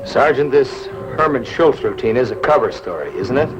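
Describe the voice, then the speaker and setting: A man's voice: medium pitch, expressive, normal speed, lightly acted. A man playing a blunt American officer. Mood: skeptical. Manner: blunt, questioning. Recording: dull TV soundtrack with loud music.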